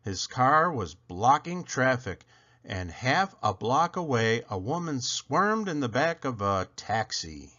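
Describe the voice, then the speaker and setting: A man reading a children's picture book aloud, expressively and with dramatic pauses. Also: mid-range voice, very animated, bright, forceful tone, lo-fi sound. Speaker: read-aloud storyteller.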